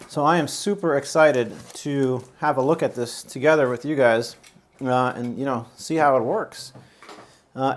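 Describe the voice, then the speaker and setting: A man hosting his own channel, talking casually through an unboxing and review with lots of fillers, restarts and asides. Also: a little high. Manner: rambling, chatty, many fillers and restarts. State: out of breath. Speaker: YouTube channel host.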